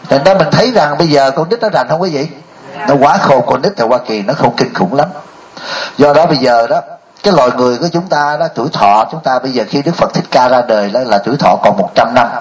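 In a low-quality recording, an older Buddhist monk speaks quickly in a mid-range voice. His dharma talk is full of stories and rhetorical questions aimed at the audience.

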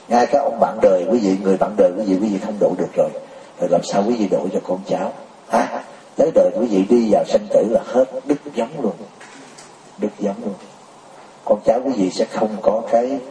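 Male preacher, relaxed warm tone, teasing questions, roomy recording with faint background noise. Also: lowish voice. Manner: keeps pressing the crowd with rhetorical questions, often laughing. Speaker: Buddhist teacher. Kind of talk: sermon to a congregation. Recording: roomy, distant mic.

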